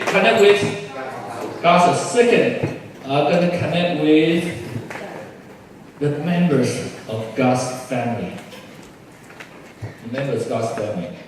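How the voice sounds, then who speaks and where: A man's voice: fairly high pitch, slight background noise. A man from Taiwan preaching a sermon as pastor, speaking English as a second language and putting questions to the congregation. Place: large church hall. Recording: echoey church hall from far off.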